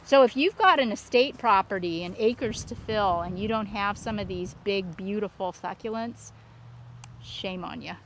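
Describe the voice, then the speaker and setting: A woman hosting a casual walk-through vlog, talking in an excited, gushing, exclamatory way. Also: mid-range voice, normal speed, poor audio. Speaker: landscape designer hosting a plant tour. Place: outdoors at a plant nursery. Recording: outdoor ambient and vehicle noise.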